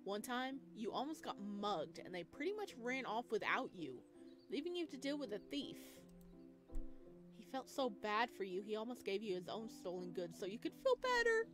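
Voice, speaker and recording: This woman's voice sits on the high side and moves at a moderate pace as she reads a visual novel's narration for a let's play. She is expressive, drops in casual chatter, and there is music underneath.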